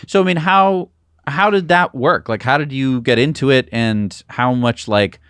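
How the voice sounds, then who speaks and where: Guy co-hosting a chat show, rambles through his questions, medium pitch, dry sound. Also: a little slow, a bit bright, clear, resonant tone, no room sound. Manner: rambling, chatty questions with many restarts. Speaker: podcast co-host. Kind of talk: casual chat interview.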